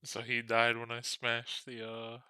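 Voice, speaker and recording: A man's voice: mid-range voice, monotone, unhurried, pushed and bright, clear, resonant tone, no room sound. A man playing a tabletop game, chatting casually with a joking, profane manner. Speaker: player.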